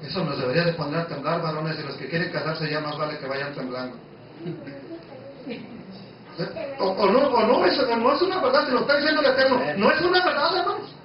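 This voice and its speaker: A man's voice: sits high, animated, brisk, very echoey, distant mic, dull audio, background noise. A man preaching a Bible study, emphatic and conversational, who keeps asking his listeners questions.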